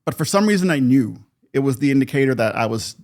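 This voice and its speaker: A man's voice: medium pitch, fast talker. Reflective middle-aged man telling his story. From Canada. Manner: reflective, animated when recounting, laughs often. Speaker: podcast guest, producer. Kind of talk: personal storytelling in conversation.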